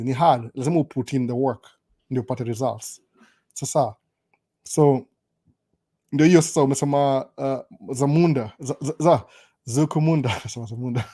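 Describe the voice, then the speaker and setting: A young adult man with a Kenyan accent hosts a casual live stream, moving between Swahili and English and stammering through restarts. His voice sits in the mid-range and sounds mellow.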